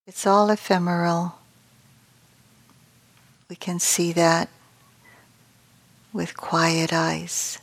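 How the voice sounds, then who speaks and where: A female meditation instructor guides a session gently and without hurry, leaving long pauses. Her voice is soft, fairly low and steady, growing breathy at the end of each phrase.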